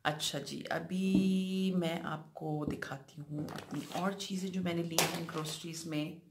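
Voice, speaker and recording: A woman's voice: fairly low pitch, steady tone, unhurried, heavy background noise. A middle-aged woman, chatting casually through a grocery haul vlog and switching often between Hindi-Urdu and English with many fillers. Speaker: lifestyle vlogger.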